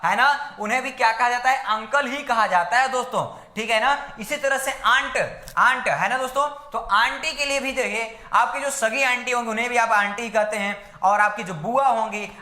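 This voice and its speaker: Male exam-prep tutor, bright, forceful delivery, heavy on rhetorical questions and "right?" check-ins; recorded in a roomy, echoey space. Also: very high-pitched. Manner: keeps asking rhetorical questions and answering them himself; constantly tags lines with "friends" and "right?". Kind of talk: classroom-style lecture. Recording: roomy echo.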